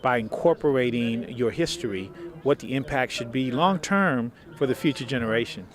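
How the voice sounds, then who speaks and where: A man's voice: mid-range voice, animated, moderate pace. A man hosting a community TV show, interviewing guests outdoors at a city event, earnest and full of thanks.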